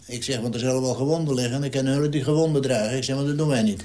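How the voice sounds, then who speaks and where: A man's voice: mid-range voice, fairly even intonation, racing, darkish tone. Blunt, salty old man telling war stories. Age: 90s. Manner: blunt, salty, acts out dialogue while telling. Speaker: war veteran interviewee. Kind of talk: vivid wartime storytelling interview.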